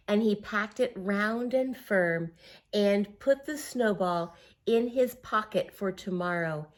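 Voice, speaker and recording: This medium-pitched woman is reading a picture book to young children. She uses simple, encouraging language, expressive emphasis, and occasional little asides and questions.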